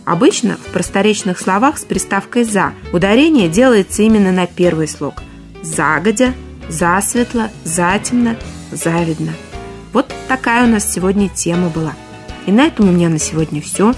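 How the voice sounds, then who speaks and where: A woman presenting a short broadcast segment on correct speech, in a clear, instructive and friendly manner. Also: medium pitch, lively intonation, a little fast, darkish tone, faint music behind. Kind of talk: scripted broadcast talk.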